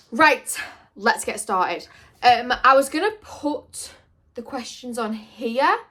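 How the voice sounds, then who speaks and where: A woman's voice: a little high, a bit bright. A young woman talks straight to camera in a loose, chatty Q&A. She rambles, loses her thread and throws in dry little jokes as she goes. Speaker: vlogger. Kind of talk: casual Q&A chat to camera.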